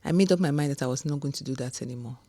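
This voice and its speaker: A woman's voice: extremely low pitch, very fast, dark tone, no room sound, clean studio sound. A middle-aged woman with a Nigerian accent, giving an earnest, emphatic motivational talk to camera. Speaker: vlogger.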